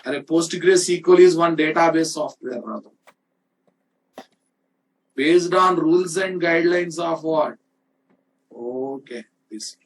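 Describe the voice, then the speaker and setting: A programming instructor with an Indian accent gives an informal screen-shared software lecture, teaching in an emphatic, repetitive way and often checking in with students. His voice is fairly high and slow, with frequent pauses. The mic sounds distant and there's a little hiss or hum.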